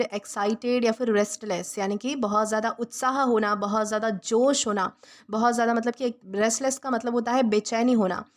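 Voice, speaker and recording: High-voiced woman teaching vocabulary. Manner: repeats and rephrases each meaning patiently. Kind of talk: vocabulary lesson explained in Hindi.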